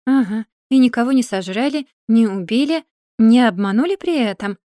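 A woman voicing an exasperated, sharp-tongued young wife who pleads and needles in turn. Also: on the high side, expressive, no echo, studio quality, close to an everyday voice. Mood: sarcastic. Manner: pleading and sarcastic, drawn-out complaints.

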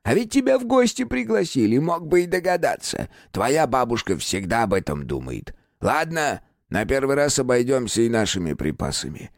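A man voicing a small, furry, ancient house spirit in an audiobook, creaky and grumbling, teasing the boy he talks to. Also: mid-range voice, very animated, moderate pace, few pauses, no room sound, studio quality, voice pushed up. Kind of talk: audiobook character voice.

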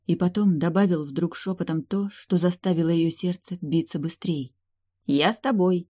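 An audiobook narrator reading a romance novel aloud in calm, even scripted storytelling. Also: mid-range voice, normal speed, no room sound, clean studio sound.

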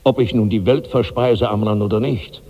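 An actor playing a huge, ravenous old man in his sixties in a 1960s radio drama, brooding and husky, breaking into loud cries. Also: fairly low pitch, fairly even intonation, moderate pace, in a large hall, lo-fi sound. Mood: disgusted. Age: 60s.

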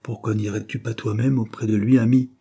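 A man's voice: on the low side, little pitch movement, fairly quick, vocal fry, warm tone, slightly rough. A man reading the part of a thin, sober Quaker clerk who speaks in dry, brief, formal phrases.

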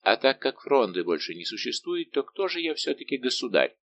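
A man reading an audiobook, voicing a middle-aged musketeer captain who answers calmly, respectfully and without yielding. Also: mid-range voice, fairly quick, lo-fi sound, slight background noise. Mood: calm defiant. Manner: calm, steady, respectful but unbending.

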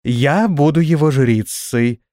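A man voicing a tiny, excitable winged fairy girl who bossily makes herself a priestess, in a shrill, eager voice. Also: a little slow, no room sound, studio quality. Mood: excited.

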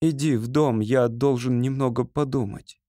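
A man's voice: medium pitch, steady tone, normal speed, mellow, dry recording, clean studio sound, lightly acted. A man voicing a passionate young winged man in an audiobook reading, speaking ardently. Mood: gentle. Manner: ardent, impassioned.

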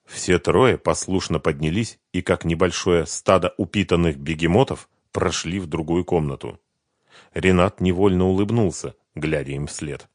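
A man narrating an audiobook in measured storytelling. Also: deep voice, no room sound, clean studio sound.

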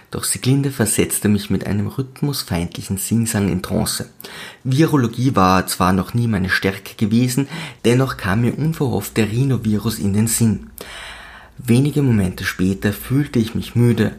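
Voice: mid-range voice, a little mellow. A narrator telling a fantasy audio story in first person, voicing the main character in a dry, sarcastic way.

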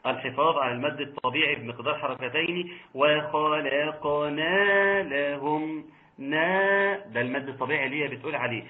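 A man with an Egyptian accent teaching Quran recitation rules online, reciting slowly and patiently correcting his students. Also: medium pitch, narrow, tinny audio. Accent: Egyptian Arabic. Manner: slow drawn-out recitation of verse examples, patient corrections.

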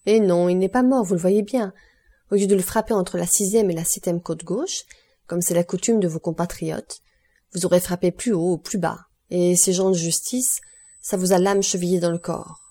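A woman voicing a calm, ironic, commanding aristocratic count in an audiobook. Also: lowish voice, normal speed.

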